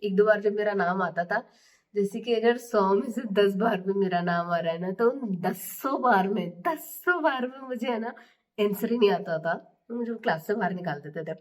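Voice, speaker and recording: Young woman with a Marwari accent, slightly distant. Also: mid-range voice. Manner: candid, chatty, mixes English into Hindi. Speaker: motivational speaker. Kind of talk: personal story told as motivational talk.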